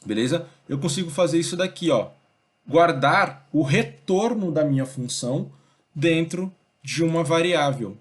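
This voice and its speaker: A man's voice: a little high, lively intonation, measured pace. Man teaching code casually. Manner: conversational, thinks aloud, many fillers like "beleza?" and "ó". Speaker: programming teacher. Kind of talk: casual screen-recorded coding lesson.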